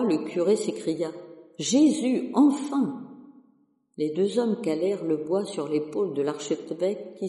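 Gentle storyteller with a dark tone. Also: medium pitch, echoey room, long reverb tail. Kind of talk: scripted narration of a Christmas tale.

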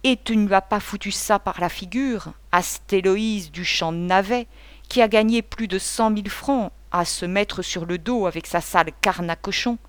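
A woman's voice: mid-range voice, normal speed, clean tone, no echo, natural voice. A woman voicing a coarse old male drunkard in an audiobook, bellowing and vulgar. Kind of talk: audiobook character voice.

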